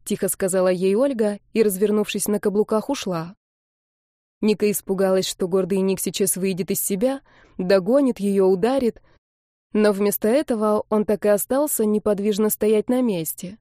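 A woman narrating a romance novel in a calm, even reading on a close mic. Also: mid-range voice, no room sound. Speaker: audiobook narrator. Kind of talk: storybook narration.

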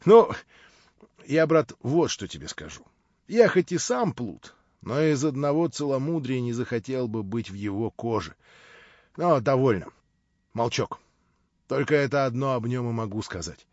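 A man's voice: mid-range voice, big pitch swings, moderate pace, a little mellow, no room sound. A man voicing a jovial, roguish old friend who banters and teases. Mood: sly. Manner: bantering, teasing. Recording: dull, dry recording.

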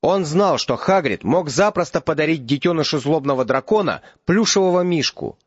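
A man's voice: fairly high pitch, expressive, normal speed, husky, no room sound. Man narrating an audiobook, dry dull sound. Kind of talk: scripted narration.

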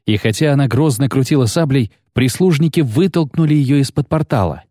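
A man narrating an audiobook in a steady, measured way. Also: mid-range voice, no echo, clean studio sound. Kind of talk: scripted narration.

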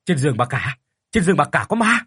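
A man playing a cruel, frightened old landowner who shouts in a horror story. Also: on the high side, sing-song, fast, slightly rough, exaggerated voice. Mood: panicked. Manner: shouting, panicked.

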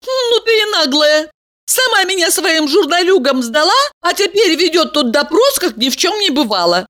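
A woman voicing a stubborn young woman in love, speaking high and defiant. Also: sing-song, moderate pace, a bit bright, exaggerated voice. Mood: indignant, stubborn. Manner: high-pitched, indignant, stubborn.

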